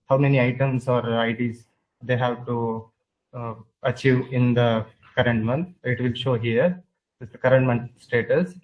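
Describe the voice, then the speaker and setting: A man pitching his team's project in a product demo, talking over a video call while sharing his screen, halting and full of filler sounds. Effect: video call audio while sharing his screen. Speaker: hackathon team presenter. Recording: muffled video call audio.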